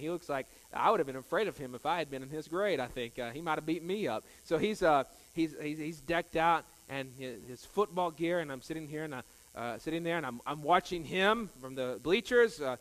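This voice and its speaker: A male pastor delivers a sermon in a very high, smooth, resonant voice. He repeats key phrases for emphasis and hesitates often between them. His voice rings with the long reverb of a church sanctuary. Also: pushed and bright. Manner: emphatic and repetitive, with frequent hesitations.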